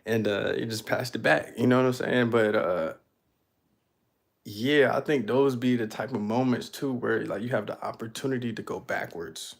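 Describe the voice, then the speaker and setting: A man's voice: mid-range voice, moderate pace, creaky. A young man musing aloud in a casual, reflective monologue, loose and full of fillers. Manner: laid-back, loose, full of fillers like "you know what I'm saying". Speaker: artist talking about his life.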